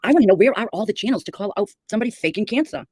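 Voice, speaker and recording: A woman's voice: medium pitch, lively intonation, racing, no room sound. A middle-aged woman chatting casually and giving opinionated gossip on a livestream.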